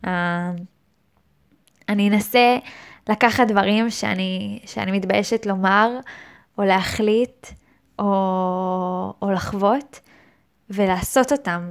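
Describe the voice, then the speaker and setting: A woman hosting her own podcast, speaking in a thoughtful, hesitant monologue with frequent restarts. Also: medium pitch. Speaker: podcast host. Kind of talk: reflective solo monologue.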